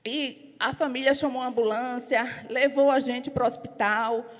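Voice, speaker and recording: A woman giving her testimony in a church service, telling her story lively, acting out what others said, and growing loud and emphatic as she preaches. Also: high-pitched, moderate pace. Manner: storytelling, acts out other people's lines in quotes. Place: church hall. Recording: long hall reverb.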